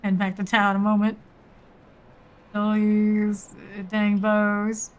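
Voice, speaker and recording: A woman's voice: medium pitch, monotone, slow pace, clear, resonant tone, lo-fi sound. A woman giving casual live gameplay commentary, muttering in short clipped fragments as she thinks aloud. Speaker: game streamer.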